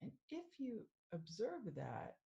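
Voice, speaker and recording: A woman working as a mindful living coach, leading a guided meditation in a calm, soothing way. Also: fairly high pitch, vocal fry, lo-fi sound, slight background noise. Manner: slow, calm, soothing guidance.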